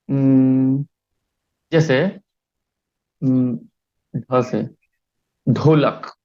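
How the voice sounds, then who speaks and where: A male primary school teacher leads an online lesson, his voice pitched a little high. He talks patiently and keeps pausing to check that the children follow. The sound is dull and lo-fi, like a video call. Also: darkish tone.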